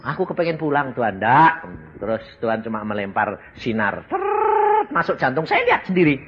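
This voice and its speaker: A man preaching a testimony sermon, telling his story dramatically with sudden loud exclamations. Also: medium pitch, huge pitch swings, brisk, slight background noise. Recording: slightly dull recording with faint ambience.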